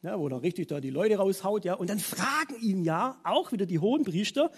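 A man preaching a conversational sermon in an animated, informal way, with many filler words. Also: high-pitched, a little fast, husky.

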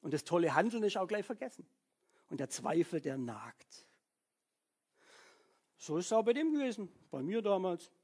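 A man's voice: sits high, sing-song, normal speed, pauses often, darkish tone, breathy edge. A man preaching a sermon in a conversational way, often checking in with "ja?" and acting out people's thoughts. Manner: conversational, frequent "ja?" tag questions; acts out people's inner thoughts.

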